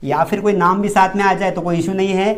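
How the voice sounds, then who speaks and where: A man's voice: sits high, flat delivery, a little fast. A man with a Hindi accent teaches spoken English in a classroom-style video lesson. He keeps asking his students questions and then answers them himself. He repeats each key word to drive it home.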